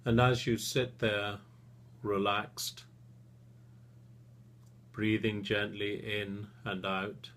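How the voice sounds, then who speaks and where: Gentle and soothing, a man guides a relaxation session as a therapist, pausing at length between short phrases. His pitch is fairly low and his tone level.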